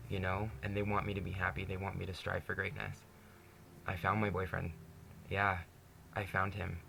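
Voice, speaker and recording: Low gravelly young man talking candidly. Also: bright, forceful tone, slight background noise. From Canada. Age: 20s. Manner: earnest, candid, says "you know" constantly, laughs often. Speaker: vlogger. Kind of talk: personal monologue to camera.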